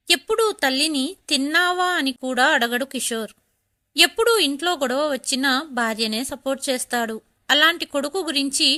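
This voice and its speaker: A woman narrating a family drama storybook in a plain, even manner. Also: high voice.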